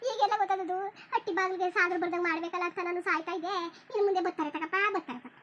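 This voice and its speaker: Voice actor as a wailing old village mother, shrill and very fast, cartoon. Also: fairly even intonation, bright, forceful tone, slight background noise. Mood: bitter. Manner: lamenting, repetitive scolding. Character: elderly village mother, wailing and scolding her son. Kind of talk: cartoon voice acting.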